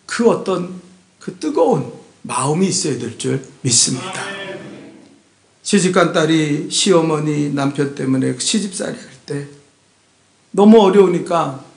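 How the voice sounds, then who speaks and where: A male pastor preaches a sermon in a high, lively voice that leaps up and down. He moves from loud exhortation to hushed asides and keeps prodding his flock with questions. The church room around him rings with echo. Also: creaky. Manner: emphatic, keeps prodding the congregation with rhetorical questions. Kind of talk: Sunday sermon. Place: church sanctuary.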